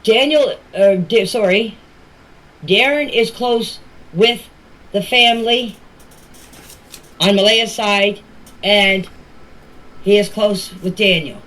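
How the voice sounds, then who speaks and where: A woman with a mid-range, slightly bright voice speaks slowly and pauses often, in a casual, plain tone. It sounds like an amateur voice message for a group chat, and the recording is low quality.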